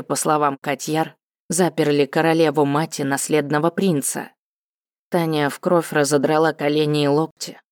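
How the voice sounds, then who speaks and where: A woman narrating a fantasy audiobook in a steady, even storytelling manner. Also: sits low, dry recording, studio quality.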